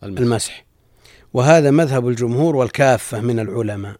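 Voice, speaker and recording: A man teaches from a classical text, reading slowly and repeating key lines for emphasis. His voice sits in the middle range. The sound is dry and close, with almost no room echo. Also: mid-range voice, a little mellow. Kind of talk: reading and explaining classical jurisprudence.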